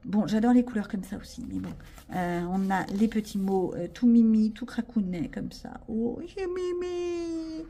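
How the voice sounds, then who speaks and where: Showing a sticker and craft haul, a French-accented woman talks casually to camera, self-deprecating and full of fillers. Her mid-range voice is mellow at a moderate pace, with slight background noise in the clip.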